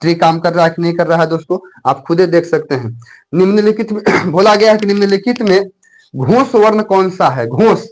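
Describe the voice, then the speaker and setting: A man's voice: high voice, lively intonation, a little fast, rough recording. A man teaching a grammar lesson for exam prep, repeating himself and quizzing viewers. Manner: repetitive, fills speech with "jaise ki", quizzing viewers.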